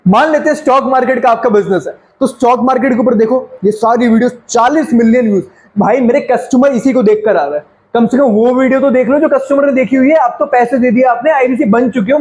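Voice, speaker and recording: A man, teaching a sales lesson in an energetic, fast, conversational way and slipping English phrases into his talk. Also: extremely high pitch, rough recording. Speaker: sales coach. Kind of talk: sales training lecture.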